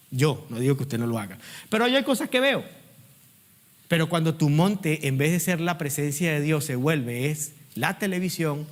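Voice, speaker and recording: Middle-aged male pastor, sermon delivery, slightly high voice, emphatic peaks and hushed asides. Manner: preaching with call-and-response prompts to the congregation; swings between loud emphatic peaks and quiet low asides.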